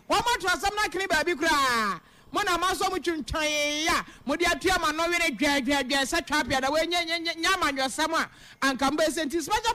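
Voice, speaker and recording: A woman presenting the news in an emphatic newsreader manner, at times rising almost to a shout. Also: extremely high pitch. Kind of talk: news reading.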